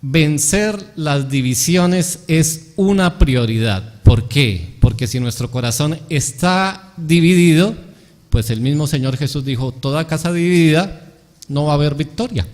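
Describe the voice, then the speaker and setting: A man preaching a sermon in a somewhat high voice, pressing his congregation with questions he then answers himself. His voice rings with a long reverb from a church hall. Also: a little mellow. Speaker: pastor.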